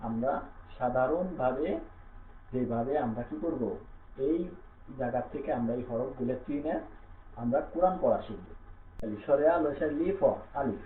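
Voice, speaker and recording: Man, Bangladeshi Bengali accent, patient letter-by-letter teaching, medium pitch, tinny lo-fi sound, faint hum. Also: moderate pace, long pauses, reverberant. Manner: patient, repeats each letter with filler hums. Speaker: Quran reading teacher. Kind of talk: slow classroom-style lesson, spelling out letters.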